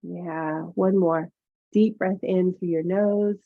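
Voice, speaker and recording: A woman teaching yoga and meditation, guiding relaxation in a gentle, soothing murmur with pauses. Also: fairly low pitch, steady tone. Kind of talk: guided meditation instruction. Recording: phone-like narrow-band sound.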